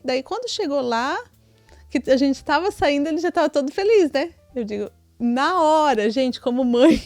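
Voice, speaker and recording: Woman, Brazilian accent, casual storytelling, tag questions, higher voice, dry recording. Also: a little mellow, no echo. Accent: Brazilian Portuguese. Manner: chatty, many tag questions. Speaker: podcast co-host, mother.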